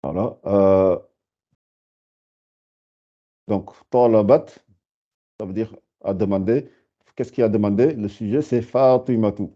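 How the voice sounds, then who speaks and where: Slow, patient male language teacher. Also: fairly low pitch. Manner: patient, repeats and spells out words slowly. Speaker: Arabic teacher. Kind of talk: slow spoken lesson. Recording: dull lo-fi sound.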